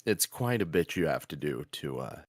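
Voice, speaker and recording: A very deep-voiced man from Oklahoma talks shop as a voice actor in loose, casual chat. He rambles and restarts, laughing as he goes, and the padded booth he records in leaves his voice dry and close with no room sound. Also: very animated, normal speed, no room sound. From Oklahoma, USA. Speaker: voice actor and show host.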